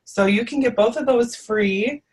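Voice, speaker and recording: A woman's voice: fairly high pitch, measured pace, a little mellow, husky. A woman co-hosting a live webinar, explaining things in a friendly, casual way with frequent ums. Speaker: webinar co-host. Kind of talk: casual presenting.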